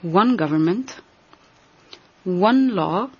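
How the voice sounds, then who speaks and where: Husky woman interpreter's translation voice-over. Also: lowish voice, animated, lo-fi sound. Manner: measured, formal, deliberate delivery. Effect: translation voice-over of a speech. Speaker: simultaneous interpreter. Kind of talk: formal speech interpretation.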